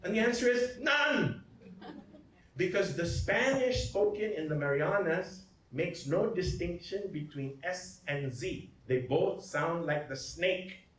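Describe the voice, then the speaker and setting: A fairly high-voiced man lecturing as a priest, joking and wandering off into asides while he keeps asking his listeners "okay?" and "right?". He is heard from a distance in an echoey hall. A faint hum of noise sits under his voice. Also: slow, a bit bright. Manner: jokey, digressive, checks in with "Okay?" and "right?". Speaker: priest giving a genealogy talk. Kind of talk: lecture presentation. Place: hall at a symposium.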